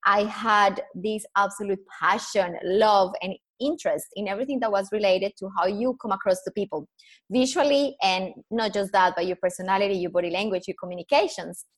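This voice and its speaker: A Colombian woman whose first language is Spanish appears as a podcast guest, earnestly recounting her story in English with a Colombian accent. Her mid-range voice moves briskly, with fairly even intonation.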